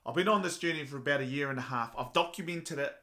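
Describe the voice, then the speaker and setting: A man's voice: a little high, fast talker, bright, forceful tone. A man with a Māori New Zealand accent talking earnestly and motivationally to viewers in a personal vlog. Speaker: vlogger.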